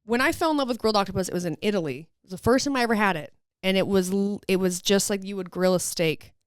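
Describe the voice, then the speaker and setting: A woman's voice: mid-range voice, fast, smooth, no echo. A woman podcast co-host telling personal stories in casual, informal chat, with a slight lisp from wearing retainers.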